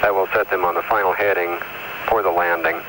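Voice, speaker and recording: A man giving measured, factual live flight commentary as a mission control announcer. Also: deep voice, steady tone. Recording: noisy archival broadcast with radio hum.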